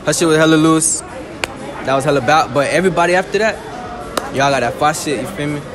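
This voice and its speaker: A man's voice: on the high side, fairly quick, music in the background. A man being interviewed in a shopping mall who tells a crude story bluntly.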